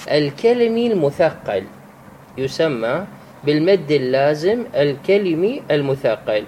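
A man with a slightly high but warm, mellow voice teaches recitation rules. He speaks patiently, repeating each example word and restarting phrases as he explains. A faint hiss sits behind him. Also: rough recording.

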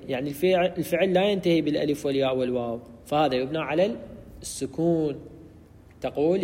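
A man's voice: a little high, a little mellow, big-room sound. A man teaching Arabic grammar in a methodical lecture, repeating key terms and correcting himself as he goes. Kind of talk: explanatory lecture.

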